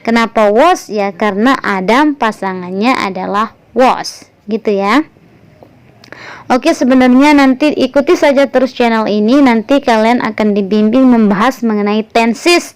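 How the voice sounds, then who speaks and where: A woman teaches an online English grammar lesson, patiently walking through each example and slowing down to model the phrases. Her voice sits a little high and comes across smooth and clear. The recording is dry and close. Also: no echo, rough recording. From Indonesia.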